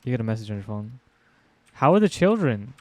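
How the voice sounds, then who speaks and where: A man's voice: medium pitch, sing-song, fairly quick, darkish tone, no echo. A man co-hosting a gaming show, chatting casually with friends and reading game text aloud. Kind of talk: casual let's-play banter.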